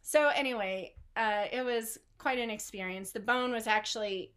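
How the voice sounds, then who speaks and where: A woman's voice: on the high side, normal speed, a bit bright, clear, resonant tone. Chatty woman rambling with fillers. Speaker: online art studio host. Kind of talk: casual chat to an online group.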